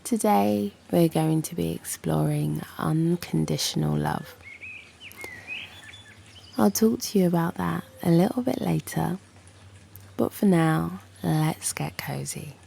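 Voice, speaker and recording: This British woman, who hosts a meditation channel, guides a slow yoga nidra practice in a mellow, low, breathy voice that often drops to a whisper. She is unhurried and calming, with short phrases separated by long pauses, while birdsong and gentle nature sounds linger faintly behind her.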